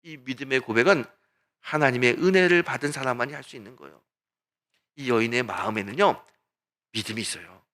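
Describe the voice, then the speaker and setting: A male senior pastor preaching a Sunday sermon as dramatic storytelling, swinging between hushed passages and loud ones. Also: medium pitch, a little fast, pauses often. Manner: dramatic storytelling, acting out voices.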